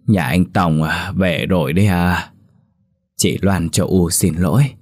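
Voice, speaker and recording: A man's voice: sits low, steady tone, a little slow, darkish tone, dry recording, studio quality. A man voicing a sick grandmother, speaking weakly and apologetically. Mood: feeble apology. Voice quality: weak, breathy. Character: frail sick old grandmother over eighty, meek and apologetic.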